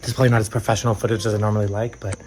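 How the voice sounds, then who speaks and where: A man's voice: on the low side, little pitch movement, very fast, a little mellow, slight background noise. A man giving a chatty, upbeat walking tour in the woods, filmed on a phone he holds as he goes. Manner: chatty, upbeat, lots of "like" fillers. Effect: filmed on a handheld phone. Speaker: travel vlogger. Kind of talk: casual vlog walk-through. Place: outdoors in woods. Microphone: phone held while walking.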